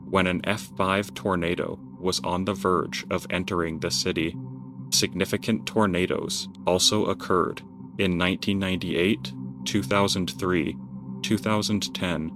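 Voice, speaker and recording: Deep-voiced male documentary narrator over music.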